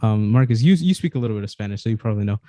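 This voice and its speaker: A man from Mexico, talking casually on a podcast in a relaxed, hesitant way with many restarts. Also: on the low side, racing, no echo.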